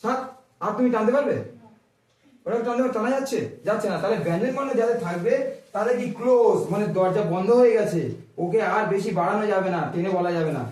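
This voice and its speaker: High-voiced guy teaching a class, lots of questions to the kids, drags out sounds, far off mic in a really echoey room. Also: fast talker, a little mellow. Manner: asks the class frequent questions and stretches sounds to demonstrate. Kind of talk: classroom grammar lesson.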